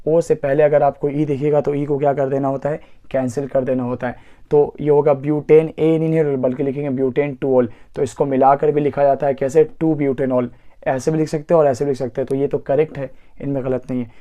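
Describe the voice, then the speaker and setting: A man's voice: mid-range voice, flat delivery, brisk, narrow, tinny audio. A man teaching a chemistry exam-prep lesson, asking himself questions and counting carbons aloud step by step. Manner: asks rhetorical questions and answers them himself.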